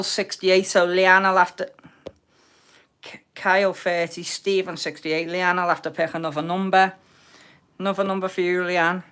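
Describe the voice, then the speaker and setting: A woman's voice: fairly low pitch, fairly bright tone, clean tone. A British woman hosting an online game in casual chat, with cheeky, informal banter as she calls out players and numbers. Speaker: host of an online bingo game.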